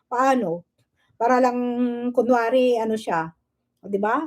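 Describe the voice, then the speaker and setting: A woman's voice: on the high side, unhurried. A woman hosting her own livestream, ranting sarcastically at a rival and firing off rhetorical questions, with English words mixed into her talk. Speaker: livestream host. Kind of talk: casual livestream rant.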